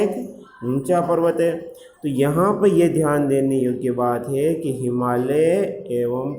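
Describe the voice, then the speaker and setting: A man teaches a grammar class at an unhurried pace, stopping often to check that students follow. His voice is mellow and soft-edged. The room sounds echoey, with a faint hiss behind him. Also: mid-range voice. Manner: slow and explanatory, often asks students questions.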